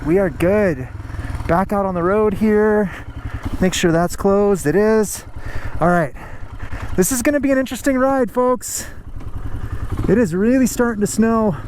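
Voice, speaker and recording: A man talks from inside a motorcycle helmet, chatty and narrating every step to his viewers. His voice sits a bit high. Wind and engine noise come through clearly around him outdoors. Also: unhurried, pauses often, a little mellow. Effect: talking inside a motorcycle helmet. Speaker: motorcycle vlogger. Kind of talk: casual vlog narration to viewers. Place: outdoors on a mountain dirt road, riding a motorcycle.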